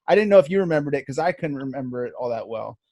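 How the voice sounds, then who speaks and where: A man's voice: mid-range voice, animated, racing, a little mellow, dry recording, clean studio sound. A man in his thirties, a podcast co-host telling rambling, profane stories in casual chat. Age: 30s.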